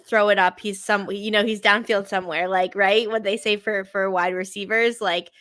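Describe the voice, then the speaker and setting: A woman's voice: medium pitch, flat delivery, normal speed, a bit bright, no room sound. A woman, hosting a casual live sports stream, upbeat and chatty, full of "you know" and "like". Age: 20s. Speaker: sports show host.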